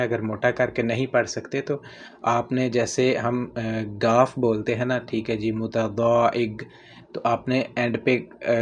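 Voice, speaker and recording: Man teaching slowly, repeating each phrase. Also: mid-range voice. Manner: slows right down to model each phrase, repeats "theek hai ji" often. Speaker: Arabic teacher. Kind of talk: casual spoken-language lesson.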